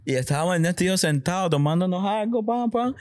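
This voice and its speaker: Guy co-host, kinda high voice, tells stories acting out what people said. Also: quick pace. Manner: lively storytelling, quoting people. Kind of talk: casual chat.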